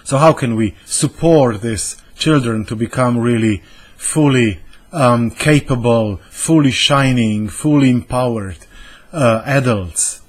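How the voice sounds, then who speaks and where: A man's voice: mid-range voice, slow. A man in his fifties from Slovenia with a Slovenian accent, introducing himself as a communication trainer and searching thoughtfully for his words. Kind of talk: personal self-introduction to camera.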